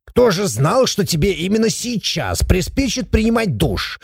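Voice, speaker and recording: A man's voice: moderate pace, gravelly, breathy edge, no echo, clean studio sound, full character voice. A man voicing a playful, sly shaggy male dwarf who teases and chatters in a raised voice. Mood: teasing. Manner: teasing, chattering, high and lively.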